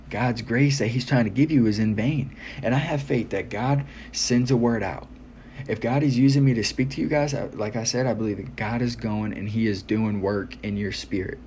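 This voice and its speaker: A man's voice: medium pitch, darkish tone. A man giving an informal, earnest, exhorting sermon to listeners, repeating phrases for emphasis. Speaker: preacher. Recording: noticeable background noise.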